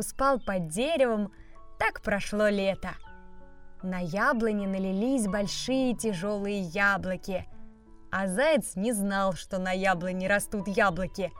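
A woman storyteller reading a children's fairy tale aloud, slowly and expressively. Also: mid-range voice. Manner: slow, expressive, bright character voices. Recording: faint background music.

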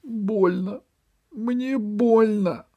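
A man's voice: high voice, slow pace, creaky, dark tone, voice pushed up, exaggerated voice. A man reading aloud voices a frightened fat old man who whimpers and pleads tearfully. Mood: whimpering. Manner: plaintive, tearful.

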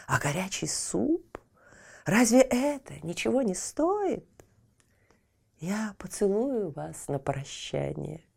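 A woman voicing a boastful, quick-tempered male fire spirit in a children's audio tale, gruff and mocking. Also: medium pitch, sing-song, darkish tone, full character voice. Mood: indignant.

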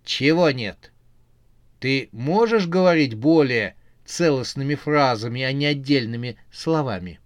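A man voicing an irritable, sharp-tongued young witch who scolds and retorts in exasperation. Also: medium pitch, expressive, measured pace, no echo, clean studio sound, lightly acted. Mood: exasperated.

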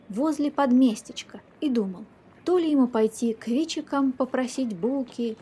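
Woman reading a kids fairy tale, husky kinda high voice, lively. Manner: lively expressive storytelling. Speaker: storyteller.

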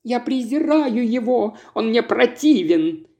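Shrill hysterical wife, voiced by a man. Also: expressive, slow pace, warm tone, exaggerated voice. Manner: shrieking, pleading, sobbing.

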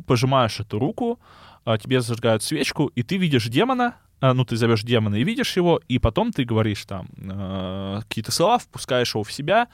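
A man co-hosting a casual podcast, with a burred R and a slight lisp, speaking haltingly and often interrupting himself. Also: mid-range voice, no echo, studio quality. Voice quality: burred R (rhotacism). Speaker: podcast co-host.

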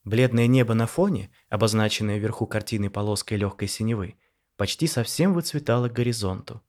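A man narrating a scripted audio story in a measured, wry storyteller manner. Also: on the low side, darkish tone.

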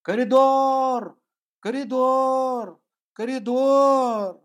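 A man playing a crazed man who shouts a chant over and over in a corridor, drawn out and slow. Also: very high voice, steady tone, pitched above the performer's own voice, full character voice. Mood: shouting.

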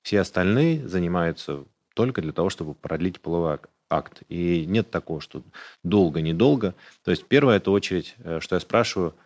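A man's voice: low voice, expressive, a little fast, darkish tone. A man, a urologist, explaining medical matters in a casual podcast conversation, matter-of-fact and detailed. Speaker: urologist guest.

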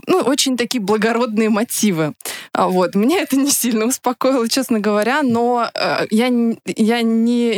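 A woman's voice: mid-range voice, no echo, studio quality. A woman in her thirties, a podcast guest, telling her story candidly with hesitations. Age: 30s. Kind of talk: casual podcast chat.

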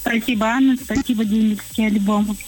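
Higher-voiced woman calling a radio show. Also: steady tone, brisk, darkish tone, low-quality recording. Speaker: radio show caller sending greetings. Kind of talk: formal, heartfelt congratulation call.

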